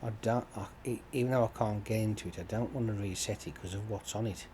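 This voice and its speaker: Man, lowish voice, rambling gameplay chat, lots of fillers, casual swearing, noisy recording. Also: fast. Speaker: gaming channel host. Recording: steady background noise.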